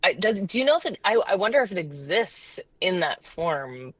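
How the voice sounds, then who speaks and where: Woman, podcast guest, lowish pitch, casual, joking, dry sound. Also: big pitch swings, normal speed, breathy edge, no room sound. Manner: joking, blunt, swears.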